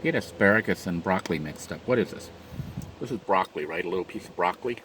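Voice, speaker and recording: A man's voice: low-pitched, expressive, quick pace, background noise. A man vlogging from inside his parked van, chatting unhurriedly as he eats and describes his food in detail. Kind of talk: mukbang eating commentary.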